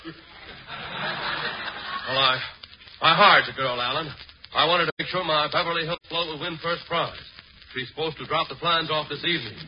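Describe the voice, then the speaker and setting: A man's voice: a little high, normal speed, long pauses, natural voice. Man playing a haughty rich snob, muffled old radio. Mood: resigned. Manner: affected, haughty, theatrical. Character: pompous, absurdly rich, snobbish young heir. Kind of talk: old-time radio comedy acting. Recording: muffled vintage radio recording with noise.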